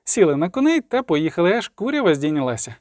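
A man reading aloud and voicing a quick, chattering young girl. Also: high-pitched, sing-song, darkish tone, dry recording, clean studio sound. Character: young girl, brisk, hiding her fear.

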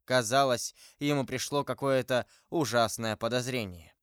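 Male audiobook narrator, measured and dramatic, smooth voice, dry close sound. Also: medium pitch, dry recording.

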